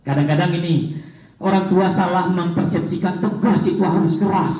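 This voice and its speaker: A man giving a lively, joking seminar talk to parents, his voice jumping up in pitch for emphasis, recorded in a large hall. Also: normal speed. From Aceh, Indonesia. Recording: echoey hall, dull lo-fi sound.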